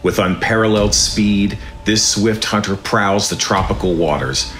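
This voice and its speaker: A man's voice: lowish voice, normal speed, a bit bright, roomy sound, slight background noise. A man reading scripted nature documentary narration in a dramatic, grandiose manner. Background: music.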